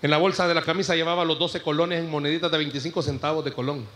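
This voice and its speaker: A Salvadoran man preaches in a church, his voice sitting high. He mixes humorous personal stories with rhetorical questions to the congregation. The sound carries a long reverb from the hall. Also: fairly even intonation, fast, fairly bright tone. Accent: Salvadoran Spanish. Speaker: pastor. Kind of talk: sermon.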